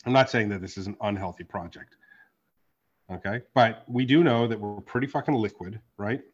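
A man hosting a casual podcast chat, animated and profane, swinging from loud outbursts to low asides. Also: normal speed, husky, highs cut off. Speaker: podcast host and card artist.

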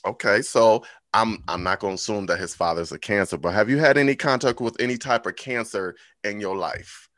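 A man hosting a podcast, chatting casually and telling animated stories about himself. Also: fairly low pitch, fairly quick, few pauses, no room sound. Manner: animated storytelling, repeats "like". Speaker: podcast host. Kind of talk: casual chat.

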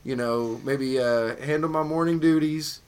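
A man's voice: medium pitch, a little slow, clear, resonant tone. A man co-hosting a casual fantasy football podcast, talking in a laid-back, rambling way with many restarts. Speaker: podcast co-host.

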